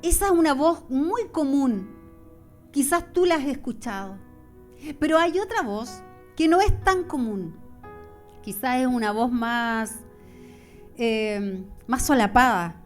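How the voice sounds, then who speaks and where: A woman's voice: sits high, animated, takes it slowly, pauses often, faint music behind. A woman preaching a sermon, passionate and repetitive, acting out the voices she describes. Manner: impassioned, repetitive preaching with acted-out inner voices.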